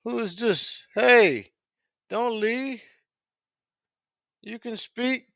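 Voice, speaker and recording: A man's voice: very high voice, extremely slow, creaky, fairly bright tone, dry recording, studio quality. A man in his fifties hosting a casual live chat with strangers, talking in a laid-back, drawling and repetitive way. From United States. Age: 50s. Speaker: host of a live video chat.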